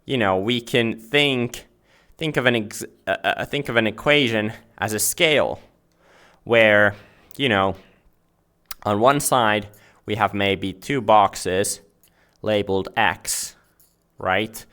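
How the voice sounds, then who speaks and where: Taking it slowly with long pauses, a Finnish-native man explains math casually as host in a VR chat world, often checking in with "right?" while searching for words. His fairly low voice is bright and forceful.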